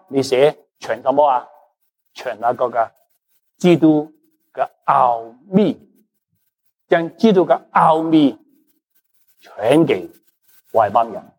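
Animated preacher man, Cantonese speaker. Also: mid-range voice, breathy edge. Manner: animated, asks the congregation questions and answers them; mixes in English words. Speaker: pastor. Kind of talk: sermon.

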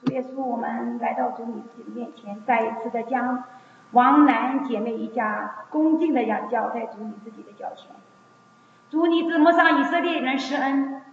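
A hoarse woman leads a fervent prayer, her pleading phrases circling back again and again. Her voice sits a little high. It rings through a long, echoing hall on a dull, muffled recording. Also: slight background noise. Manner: repetitive, pleading cadence. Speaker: prayer leader. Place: church meeting room.

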